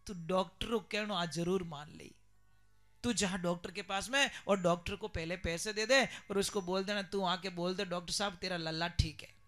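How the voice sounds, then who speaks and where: Man playing a sensible village elder, slow, measured, very high, bright. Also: soft background music. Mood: advising.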